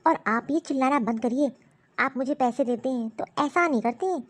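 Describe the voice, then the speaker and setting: A stubborn, untruthful young wife from a cartoon story, voiced by a woman, answering back defiantly. Her voice is high and bright. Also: brisk, noisy background, natural voice. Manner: defiant and argumentative. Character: defensive young wife and mother, lying and stubborn. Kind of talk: animated story voice acting.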